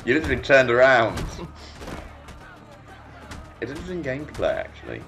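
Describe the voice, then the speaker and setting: A man's voice: medium pitch, huge pitch swings, brisk, bright, forceful tone, soft background music. A man co-hosting a video game playthrough with dry, wry remarks. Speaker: co-host. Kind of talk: casual let's-play commentary.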